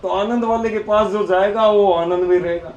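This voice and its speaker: A man preacher telling devotional stories in an animated way, often laughing. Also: high-pitched, moderate pace, highs cut off. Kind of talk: devotional storytelling sermon. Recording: echoey hall with faint noise.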